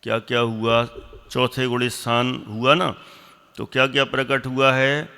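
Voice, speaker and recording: A man teaching a religious class, slowly repeating definitions and quizzing and scolding his pupils. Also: mid-range voice, flat delivery, vocal fry, sharp tone, clear, resonant tone, in a large hall. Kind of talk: classroom lesson with questions to students.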